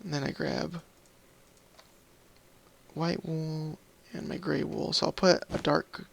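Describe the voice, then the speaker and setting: A gaming video host narrates his Minecraft play in a relaxed, wandering, apologetic manner, voicing his thoughts as he goes. His tired voice sits on the high side, gravelly and slightly rough, slow with little pitch movement.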